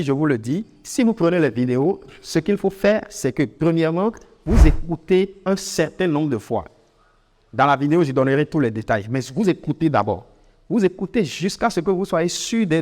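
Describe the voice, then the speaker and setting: A man with an African French accent teaches in a loose, spoken style, often repeating words for emphasis. His voice sits a little high for a man. A long reverb trails after his words. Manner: animated, repeats words for emphasis, many fillers. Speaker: English teacher. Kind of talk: informal spoken lesson.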